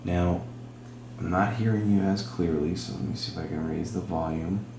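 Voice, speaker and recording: A man hosting a spirit box session, speaking in halting short phrases and putting questions to a spirit. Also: deep voice, fairly even intonation, gravelly. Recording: roomy echo with humming background noise.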